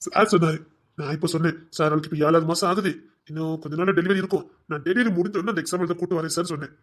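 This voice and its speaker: A man's voice: fairly high pitch, steady tone, very fast, lightly acted. A man playing a pleading remorseful husband. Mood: proud. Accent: Tirunelveli Tamil. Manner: tender, pleading, coaxing. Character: remorseful young husband coaxing his pregnant wife. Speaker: actor in a web series. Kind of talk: emotional domestic drama acting.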